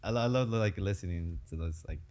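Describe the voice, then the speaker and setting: A man in his twenties hosting a casual interview podcast, relaxed and full of filler words. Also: sits low, a little fast. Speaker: podcast host.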